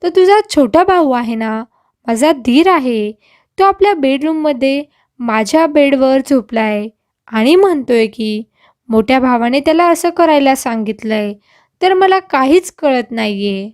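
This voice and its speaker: A sharp, indignant young bride, as a woman storyteller puts her on. The voice sits high and moves slowly, with a dry, close sound. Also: lively intonation, no echo. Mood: angry. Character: young bride, angry and bewildered.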